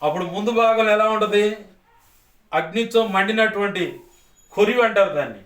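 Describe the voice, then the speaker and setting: A man's voice: high voice, moderate pace, fairly bright tone. A man, preaching a sermon as pastor in an emphatic, repetitive cadence. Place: church hall. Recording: echoey church hall, distant mic.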